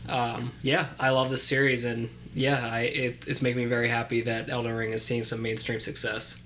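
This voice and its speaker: A young man co-hosting a relaxed podcast chat. His delivery stays flat and monotone, even when he jokes sarcastically, and he fills pauses with plenty of ums. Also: mid-range voice, a little hiss or hum. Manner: dry deadpan sarcasm, many ums. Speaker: podcast co-host.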